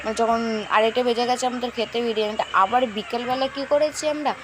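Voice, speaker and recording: A woman vlogger in her thirties narrates over her footage in a chatty, direct way. Her voice is hoarse and sits a little high. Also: fast, noisy background. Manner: chatty, addresses viewers directly.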